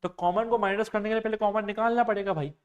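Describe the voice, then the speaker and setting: A man's voice: high-pitched, steady tone, fast, dull audio. A man teaching a maths and reasoning lesson for exam preparation, explaining step by step and checking often whether his students have understood. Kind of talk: exam-prep classroom lecture.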